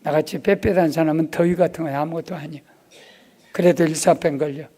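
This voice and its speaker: A man preaching a revival sermon in a church, dropping to hushed asides and rising to loud exclamations. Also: a little high, steady tone, fairly quick. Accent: Korean. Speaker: pastor. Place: church sanctuary.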